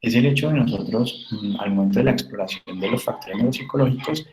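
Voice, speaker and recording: A man's voice: fairly low pitch, fast talker, darkish tone. A man giving a recorded class lecture, explaining patiently with frequent tag questions and fillers. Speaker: university lecturer. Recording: echoey room with faint noise.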